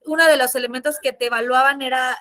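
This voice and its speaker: A Mexican woman, a sign language interpreter, teaching a casual class in an expressive, chatty way. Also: high-pitched, quick pace. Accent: Mexican Spanish. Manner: lively, expressive, chatty with fillers.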